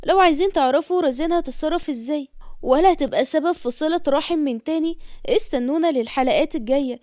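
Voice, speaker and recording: A woman with an Egyptian accent narrating a scripted story in a brisk, expressive reading. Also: high-pitched, no room sound, clean studio sound. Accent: Egyptian Arabic.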